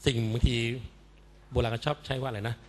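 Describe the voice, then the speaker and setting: Male panel guest, rapid and emphatic, critical tone, echoey hall recording. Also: medium pitch, fairly even intonation, slight background noise. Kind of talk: panel discussion talk. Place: seminar stage in a hall.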